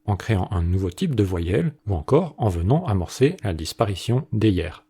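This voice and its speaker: A man, the channel's host, reading a scripted educational narration in a measured, explanatory way. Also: on the low side, mellow, slightly rough.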